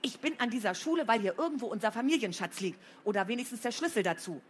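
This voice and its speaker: A woman reading a storybook, voicing a cheeky, quick-tempered schoolgirl from a pirate family who talks brisk and defiant. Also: on the high side, lively intonation, a little hiss or hum, pitched above the performer's own voice, lightly acted.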